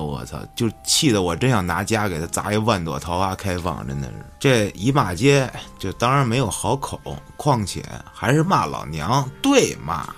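Male podcast co-host, lowish voice with an animated, swinging delivery, blunt casual chat.

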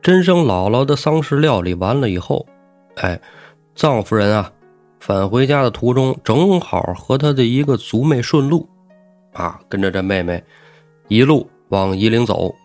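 A middle-aged man telling a story in a lively, colloquial way with chatty asides. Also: mid-range voice, normal speed, no room sound, soft background music. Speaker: storytelling podcast host. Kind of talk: casual storytelling.

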